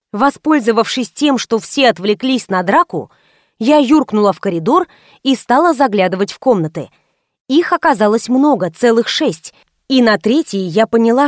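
A woman reads a first-person detective audiobook with a lively, wry edge. Her voice sits fairly high, and the close studio mic gives a dry, dead sound with no echo. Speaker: audiobook narrator.

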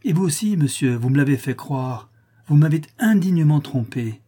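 A man's voice: mid-range voice, normal speed, warm tone, breathy edge, natural voice. A man reading aloud, voicing a jealous, furious young countess with an imperious, scolding manner. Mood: accusing.

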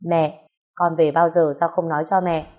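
A woman's voice: deep voice, little pitch movement, normal speed, a little mellow, close to an everyday voice. A woman reading the part of a firm, earnest middle-aged man pressing his mother. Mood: persuading. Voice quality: earnest, persuasive.

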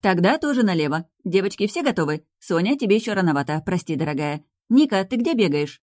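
A woman's voice: fairly low pitch, expressive, a little mellow, no room sound, studio quality, pitched above the performer's own voice, natural voice. Woman voicing a bossy, teasing female friend. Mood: bossy cheerful. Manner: commanding, teasing, brisk.

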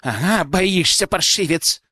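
A man voicing an arrogant, hot-tempered young nobleman with a shrill, nasty high voice, shouting and sneering in an audiobook. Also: animated, a little slow, husky, no echo, studio quality, heavily acted. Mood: gloating.

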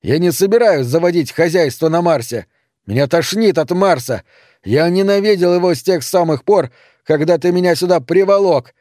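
A man voicing a hot-tempered, rebellious young son who shouts back defiantly. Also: a little high, expressive, moderate pace, no echo, clean studio sound, voice pushed up, lightly acted.

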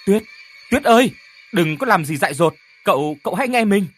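A man voicing an alarmed young woman calling out loudly and urgently in an audio story. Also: mid-range voice, expressive, a little fast, breathy edge, soft background music, voice pushed up.

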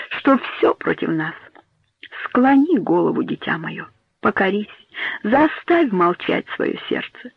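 A man reading a storybook voices a dying mother who speaks in grave, hushed, imploring tones. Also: high-pitched, vocal fry, husky, no echo, exaggerated voice. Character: dying mother hiding a grim secret. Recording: tinny phone-like dry audio.

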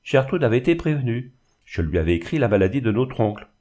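A man's voice: mid-range voice, big pitch swings, quick pace, dark tone, voice pushed up. A man reading aloud, voicing a sad, earnest young cousin.

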